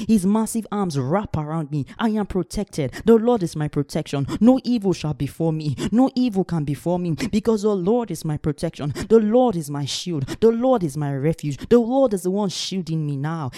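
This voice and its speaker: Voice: medium pitch, mellow, no echo, clean studio sound. A preacher speaking repetitive, emphatic faith declarations in a sermon, at times breaking into speaking in tongues.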